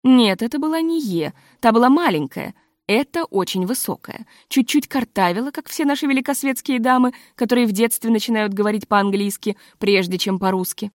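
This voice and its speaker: A woman narrating a literary memoir as an audiobook, in calm, measured storytelling, close to the mic. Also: on the high side, no echo.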